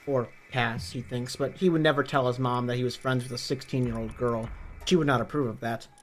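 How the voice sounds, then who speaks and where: A hoarse man reading a story aloud in a plain, steady narrating voice. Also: mid-range voice, fairly quick, faint music behind. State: hoarse from illness.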